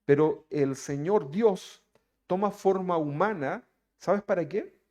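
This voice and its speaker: A man's voice: sits high, slow pace, darkish tone. A man preaching a sermon, who keeps asking his listeners rhetorical questions. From Chile.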